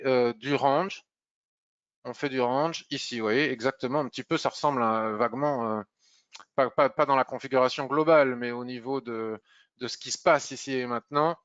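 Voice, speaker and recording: A man's voice: mid-range voice, a bit bright, clean tone, no room sound. Man, trading chart review, hesitant fillers, dry slightly muffled mic. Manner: chatty, hesitant with many "euh" fillers. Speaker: market analyst. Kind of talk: screen-share market review.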